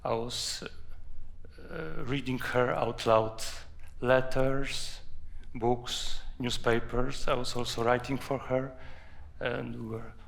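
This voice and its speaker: Polish guy w accent, slow n creaky voice, telling personal stories, pauses a lot. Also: medium pitch, steady tone. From Poland. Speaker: author, guest. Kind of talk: anecdotal storytelling at a live talk.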